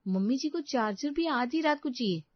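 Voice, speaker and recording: A woman plays a put-upon young daughter-in-law in a storybook tale, grumbling and exasperated in a fairly high voice. The recording is close, dry and a little dull. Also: expressive, normal speed, no room sound.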